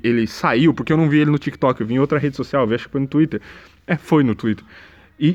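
A man giving a sarcastic, rambling casual monologue, mocking what he saw online and breaking into loud exaggerated bursts. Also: fairly high pitch. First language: Portuguese. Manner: mimics a slow dazed voice when quoting.

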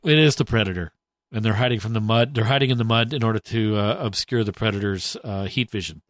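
A man's voice: fairly low pitch, quick pace, no room sound, clean studio sound. A man co-hosting a casual podcast, joking around and swearing freely. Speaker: podcast co-host.

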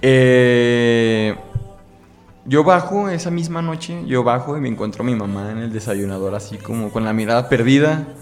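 A young man with a Mexican accent recounts a personal story in an interview, speaking candidly and emotionally with plenty of casual slang. His voice sits at an ordinary middle pitch. Faint music plays underneath. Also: animated, normal speed.

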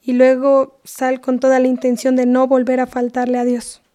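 A woman's voice: high voice, completely flat delivery, moderate pace, mellow, lightly acted. A woman playing a scolding but loving mother with a Mexican accent, lecturing her daughter in a comedy sketch. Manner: scolding, lecturing, half-whispered.

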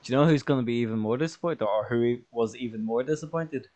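A man's voice: medium pitch, fast talker, a little mellow. Laughing, swearing Irish man. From Ireland. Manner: swears freely, laughs often, jokey banter. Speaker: podcast co-host. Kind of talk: casual chat.

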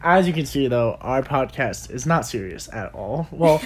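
A teenage boy chatting on a podcast in a joking, playful way. His intonation swings up and down a lot, which gives his delivery a lively bounce. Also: medium pitch, normal speed, a crowd in the background. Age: teens. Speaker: podcast co-host. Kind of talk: casual podcast chat.

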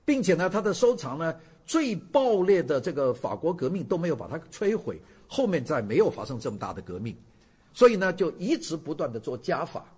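A man's voice: a little high, big pitch swings, fairly quick, darkish tone, husky. An older man lecturing to students in a casual storytelling way, often putting questions to the audience.

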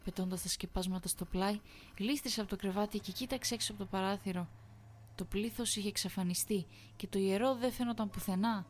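A woman's voice: medium pitch, slight background noise. Woman narrating a horror story.

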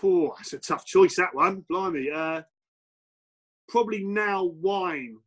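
Speaking slowly in a voice that sits high, a middle-aged ex-footballer and coach from England reflects on interview questions. He's easygoing, often restarting sentences and leaning on fillers.

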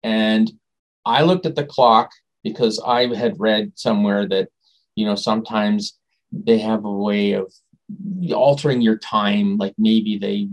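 A man being interviewed as a guest, telling a personal story in a rambling, animated way and often trailing off and restarting. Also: fairly low pitch, measured pace, poor audio. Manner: animated, acts out quoted dialogue.

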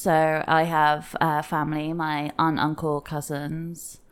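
A woman's voice: deep voice, monotone, slow, smooth. A woman co-hosting a podcast in casual chat, explaining things in an easygoing way with lots of fillers. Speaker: podcast co-host.

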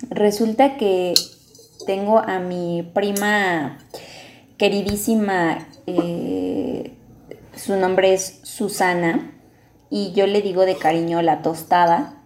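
Casting: Mexican woman host telling a ghost story, slow and mellow, roomy sound with soft music. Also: medium pitch, steady tone, a little hiss or hum. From Mexico City. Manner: slow, drawn-out storyteller acting out quotes. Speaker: podcast host. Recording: echoey room with music behind.

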